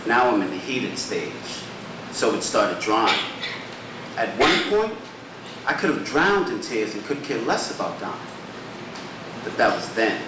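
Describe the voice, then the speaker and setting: A man performing his own spoken word poems at an open mic, with a rhythmic, rhyming delivery and dramatic pauses. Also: medium pitch. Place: small poetry theater stage. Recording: echoey room, distant mic, background hum.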